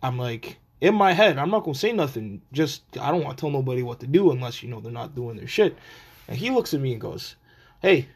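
Male podcast host, medium pitch, casual and blunt, slangy, sweary solo storyteller with an animated ranting delivery. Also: fast talker, husky.

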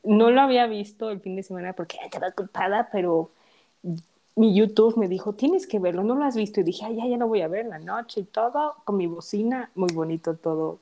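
Young woman, casual fan chat, giggly and gushing, mellow warm tone. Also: mid-range voice, fairly quick.

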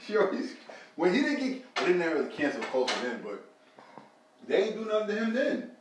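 Boisterous man, laughing banter, lively pitch, echoey room, a little off-mic. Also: normal speed, recorded from a distance, noisy background. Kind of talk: casual chat.

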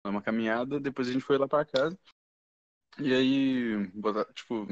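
A young Brazilian man chats casually as a podcast guest, rambling through his stories with plenty of slang fillers. His voice sits at a middle pitch and is recorded close and dry, with a dull, muffled tone. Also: normal speed, no room sound. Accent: Brazilian Portuguese. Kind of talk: casual chat.

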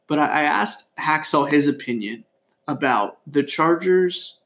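A man's voice: fairly high pitch, animated, a little slow, fairly bright tone. A young man from California co-hosting a sports podcast, telling stories with many fillers. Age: young adult. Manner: storytelling, with frequent fillers. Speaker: podcast co-host. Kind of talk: casual sports chat.

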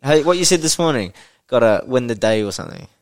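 A man's voice: mid-range voice, animated, fast, dry recording. A man with a broad New Zealand accent hosting a casual interview, blokey and slangy, swearing freely. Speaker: podcast host.

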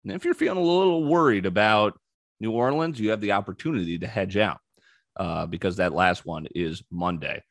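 Casting note: man hosting a betting show, low voice, dry close sound, chatty and opinionated. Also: a little fast, no echo. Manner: breezy, opinionated, frequent ums. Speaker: sports betting podcast host. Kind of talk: casual sports betting talk.

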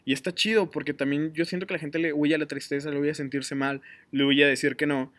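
A man's voice: a little high, level tone, fast, fairly bright tone, no room sound. A young man with a Mexican accent, hosting a casual podcast chat, slangy and rambling, full of fillers. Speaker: podcast host.

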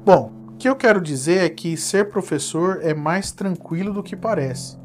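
Brazilian man teaching in relaxed chat. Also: high voice, normal speed. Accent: Brazilian Portuguese. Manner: conversational, constantly tags phrases with a questioning "né?". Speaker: teacher giving advice on online courses. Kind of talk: casual spoken lesson.

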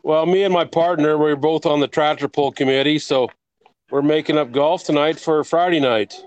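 A man's voice: fairly high pitch, steady tone, moderate pace, a little mellow, smooth, no echo. A man chatting casually as a remote guest, easygoing and folksy, on lo-fi call-in audio. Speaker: tractor pull committee member, remote guest. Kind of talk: casual chat. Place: remote call from a golf course. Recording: dull, dry lo-fi call-in audio.

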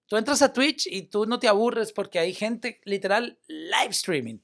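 A young man, a media personality and former radio host, chatting casually on a podcast, animated and loose, mixing English words into his talk. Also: high voice, unhurried, vocal fry.

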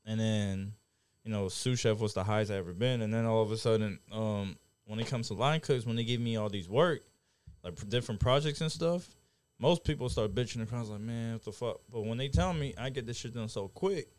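A man's voice: fairly low pitch, a little fast, darkish tone, smooth. A man who has worked as a cook, telling stories in a casual, slangy and profane way. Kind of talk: casual chat.

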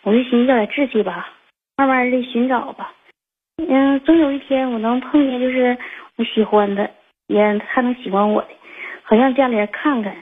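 Husky young woman on a phone line. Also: fairly high pitch, normal speed. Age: 20s. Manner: rambling, many fillers and restarts. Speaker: caller. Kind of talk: telling a personal story on a call-in show.

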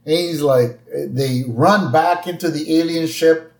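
A man co-hosting a podcast, chatting casually as he recaps a cartoon episode and slips into quick character voices. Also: fairly high pitch, roomy sound. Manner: retells scenes with quick put-on character lines. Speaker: podcast co-host.

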